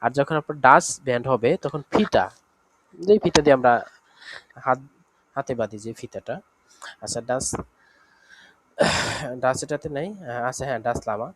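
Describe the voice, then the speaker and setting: A man teaching an online language lesson, running through word examples slowly with fillers and check-ins. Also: medium pitch.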